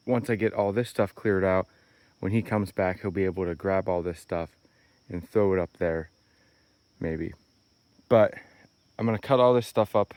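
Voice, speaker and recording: A man vlogging outdoors with a handheld camera, chatting in a rambling, upbeat way with a tired, slightly hoarse voice. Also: fairly low pitch, darkish tone, no room sound. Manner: rambling, upbeat, thinking aloud. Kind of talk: casual vlog walkthrough. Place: outdoors on wooded property.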